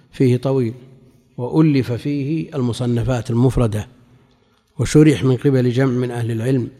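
A man gives a religious lesson in a measured, explanatory manner, pausing between phrases. His voice is mellow and dark. It carries a long reverb, as if he were in a large hall. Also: medium pitch. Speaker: religious teacher. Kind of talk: lecture explaining a classical hadith commentary.

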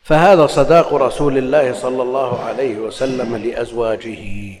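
A man's voice: mid-range voice, steady tone, moderate pace, a little mellow. Man teaching in a reverberant hall. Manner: explanatory, shifts between classical recitation and colloquial dialect. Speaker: Islamic scholar teaching hadith. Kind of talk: religious lesson, explaining hadith.

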